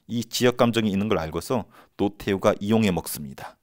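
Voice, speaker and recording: A man teaching history in a casual, animated lecture style, acting out quotes and crowd chants. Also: fairly low pitch, fast talker, dry recording, clean studio sound.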